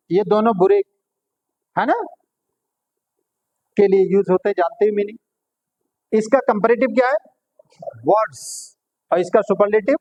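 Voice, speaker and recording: A man teaching English grammar in a classroom, explaining patiently and quizzing his pupils, calling them "beta" and checking if it's clear. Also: high-pitched, darkish tone, lo-fi sound.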